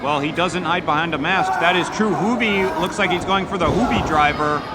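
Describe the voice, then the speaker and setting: A man's voice: on the high side, a little fast, very noisy. A man calling a lucha libre match as play-by-play announcer, in live sports commentary. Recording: loud crowd and music behind.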